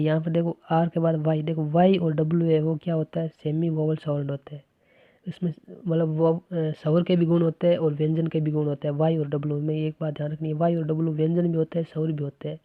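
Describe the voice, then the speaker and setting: Lesson teacher, methodical explainer, flat delivery, thin phone-quality sound. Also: mid-range voice, dry recording. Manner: explains step by step with repeated "है ना" checks. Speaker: English teacher. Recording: dry, tinny phone-like recording.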